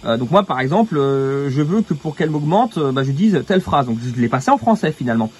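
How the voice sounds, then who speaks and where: A man hosting a casual product review, chatty and quick to laugh, with lots of fillers. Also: mid-range voice, lively intonation, a little mellow, slightly rough. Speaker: host testing equipment.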